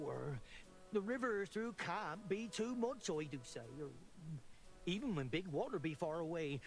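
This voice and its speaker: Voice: medium pitch, natural voice. A voice actor playing a timid, hesitant old male mole miner in a video game, speaking a rustic folksy dialect full of hesitant "er"s.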